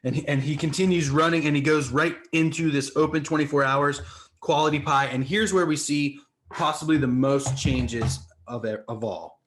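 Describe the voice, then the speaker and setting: A man's voice: on the high side, moderate pace, fairly bright tone. A man co-hosting a comic book podcast, talking casually and acting out the panels with sound effects. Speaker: podcast co-host.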